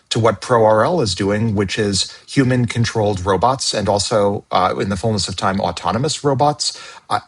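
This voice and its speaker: A man's voice: fairly low pitch, breathy edge. A man talking as a regular panelist in a casual podcast discussion, often repeating words as he restarts, speculative. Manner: stammering word repeats, speculative.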